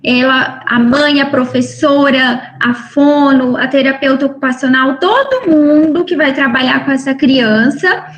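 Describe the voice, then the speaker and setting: High-voiced woman doctor lecturing. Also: a little slow. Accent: Brazilian Portuguese. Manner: explanatory, with frequent fillers and rhetorical "né?". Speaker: physician giving a lecture. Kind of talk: medical lecture.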